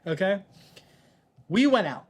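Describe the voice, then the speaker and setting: A high-voiced young man hosting a relaxed podcast, telling stories with lots of jokes and energy. His talk is casual and lively, with plenty of asides to his friends. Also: a little slow. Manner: animated, joking, tells stories with put-on voices. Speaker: podcast host. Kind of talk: casual chat, storytelling.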